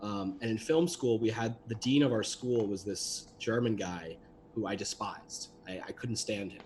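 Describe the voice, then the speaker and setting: A young man, a voice actor and animator appearing as a livestream guest, chats casually about his voice work with plenty of fillers and restarts. His voice is fairly low and a little mellow, at a normal speed, with a slight hiss or hum in the background.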